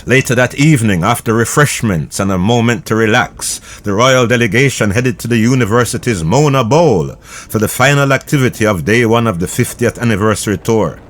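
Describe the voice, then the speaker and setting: A man giving scripted documentary narration in a measured, formal way. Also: medium pitch.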